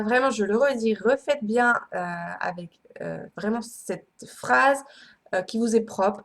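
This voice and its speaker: A woman coach leads a tapping exercise in a gravelly, slightly fried voice, pausing often on fillers. Her affirmations return in a steady, even rhythm. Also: mid-range voice. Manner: hesitant, many fillers. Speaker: coach and psychologist. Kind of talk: guided EFT tapping session.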